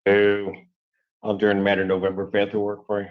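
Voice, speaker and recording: A man presiding as a judge, brisk and matter-of-fact with a casual friendliness, captured in a courtroom recording. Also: on the low side, completely flat delivery. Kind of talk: courtroom proceedings. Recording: dull lo-fi courtroom audio.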